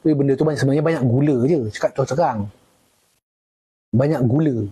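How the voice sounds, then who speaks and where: A man's voice: mid-range voice, fast, warm tone, slightly rough. A middle-aged man with a Malaysian Malay accent, a retired army officer chatting casually on a live stream, answering viewer comments and joking.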